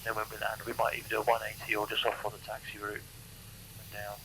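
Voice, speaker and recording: British man, calm flight instructor over noisy intercom. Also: lowish voice, brisk. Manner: calm, encouraging step-by-step instructions. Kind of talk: cockpit instruction and casual chat. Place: small aeroplane cockpit in flight and taxiing. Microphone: aviation headset. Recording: noisy cockpit intercom with engine hum.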